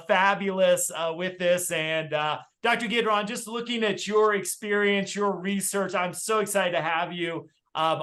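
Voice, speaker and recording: A man's voice: sits high, a bit bright. A man hosting a podcast, introducing a guest in a friendly, enthusiastic way with many uh fillers. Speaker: podcast host. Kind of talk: casual podcast interview.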